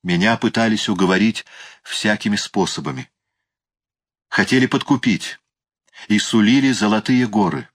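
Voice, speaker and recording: Male audiobook narrator, low-pitched, expressive first-person dramatic reading. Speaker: audiobook reader.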